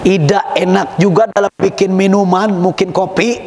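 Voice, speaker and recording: High-voiced preacher man in an echoey hall. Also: fairly even intonation, moderate pace, darkish tone. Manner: jokey, acts out household scenes with big pitch swings. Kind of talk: sermon. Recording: echoey hall with faint noise.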